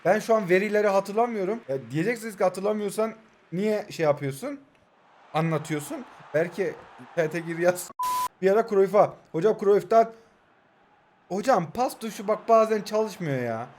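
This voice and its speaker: A young man from Turkey with a high, light voice, chatting as he plays a mobile football game. His banter is joking and self-mocking. When a move builds up he switches to fast, excited play-by-play. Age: 20s. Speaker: mobile football gaming YouTuber. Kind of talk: live gameplay commentary.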